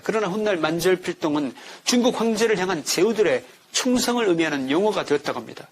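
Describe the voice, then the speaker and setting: A man's voice: high-pitched, a little hiss or hum. A man giving scripted political commentary in an indignant tone, building his points through rhetorical questions.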